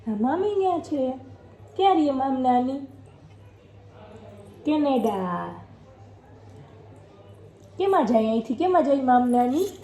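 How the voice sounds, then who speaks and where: High-voiced woman coaxing a toddler. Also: expressive, measured pace, long pauses, dark tone, roomy sound, rough recording. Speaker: vlogger and mother. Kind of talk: casual home vlog chat with toddler.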